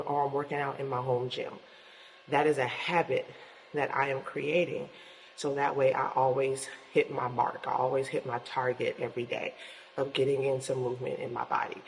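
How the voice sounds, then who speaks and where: A woman's voice: very deep voice, darkish tone. A woman talking casually and encouragingly to viewers as a fitness vlogger, recorded in an echoing gym. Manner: encouraging, addresses viewers directly. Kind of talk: casual motivational vlog talk to viewers. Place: indoors in an apartment building gym. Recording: echoing gym, long reverb, faint noise.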